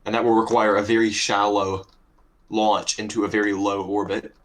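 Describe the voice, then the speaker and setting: A man's voice: lowish voice, level tone, normal speed. A man in casual chat over an online game, dry and matter-of-fact with a teasing streak. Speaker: gamer playing online with a friend.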